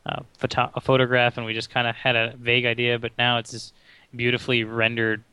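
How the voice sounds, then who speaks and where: A man's voice: mid-range voice, completely flat delivery, brisk, sharp tone, clean tone, no echo. A man co-hosting a casual podcast, talking enthusiastically about the planets. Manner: enthusiastic, conversational. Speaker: podcast co-host. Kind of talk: casual chat.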